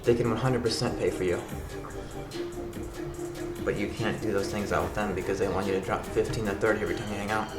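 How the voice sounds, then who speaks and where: A man's voice: on the low side, fairly even intonation. Echoey, rambling male vlogger. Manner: halting, repeats and restarts phrases; refers to himself in third person as grandpa. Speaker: vlog host. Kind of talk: casual rambling solo vlog chat. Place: sparsely furnished apartment room. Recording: echoey room with background music.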